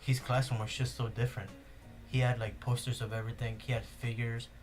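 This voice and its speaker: A young man hosts a podcast, chatting casually in Spanish-accented speech as a native Spanish speaker. His medium-pitched voice is flat and fairly quick, and he rambles with plenty of fillers and restarts over soft background music.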